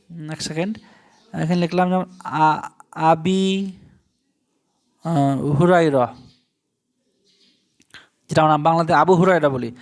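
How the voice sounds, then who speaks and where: A man from Bangladesh, high-pitched with a clean tone, explains Arabic grammar in Bengali during an online class. He goes step by step and spells out the Arabic terminology slowly.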